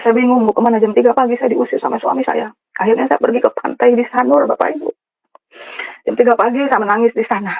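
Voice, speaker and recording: A woman's voice: fairly high pitch, fairly even intonation, fast talker, vocal fry, dry recording. A woman from West Java giving an emotional personal testimony to a congregation, often turning to address the listeners directly. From West Java (Sundanese). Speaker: church testimony speaker. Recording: dull, dry recording.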